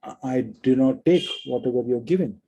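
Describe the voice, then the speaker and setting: A man voicing a calm, patient sage who explains gently, in a dark, husky voice. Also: medium pitch, moderate pace, dull audio. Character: calm serene male sage, unbothered teacher.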